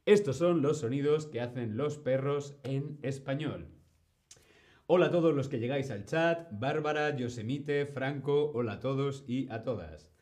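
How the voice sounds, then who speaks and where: A man teaching on a live stream, speaking slowly and clearly and greeting viewers in the chat by name. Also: medium pitch, darkish tone. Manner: slow, clear, greets chat by name, imitates animal sounds. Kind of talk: live-stream language lesson.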